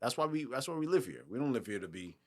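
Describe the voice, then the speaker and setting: A man's voice: medium pitch, very animated, fast talker. A middle-aged man from Saint Thomas, a podcast guest talking in a profane, emphatic, casual way. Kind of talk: casual chat.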